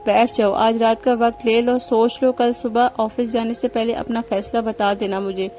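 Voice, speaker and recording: A woman's voice: on the high side, level tone, soft background music, close to an everyday voice. A woman voicing a heartbroken young husband who pleads with his wife, in her own reading voice. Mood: pleading. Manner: pleading, then sharp and raised when angry.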